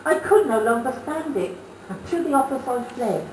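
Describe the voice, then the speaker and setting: A woman's voice: on the high side, expressive, moderate pace. Woman, comic verse performer at a variety show, theatrical and broad, caught from the back of an echoey hall. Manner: broad, theatrical delivery with dialect. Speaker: stage performer. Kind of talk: comic verse recitation on stage. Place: social club stage, amateur variety show. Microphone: distant camera mic. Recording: echoey hall from far off, faint hiss.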